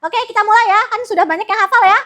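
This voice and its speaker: A woman's voice: very high-pitched, very fast, sharp tone. A young woman student teacher leading a primary school class in a classroom, upbeat and coaxing as she calls pupils forward. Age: young adult.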